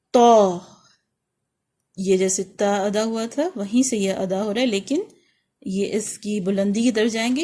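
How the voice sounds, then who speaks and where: A woman with a Pakistani accent, a teacher leading a beginners' reading lesson, who calls out each letter loudly and drawn out, then explains it softly. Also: medium pitch. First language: Urdu.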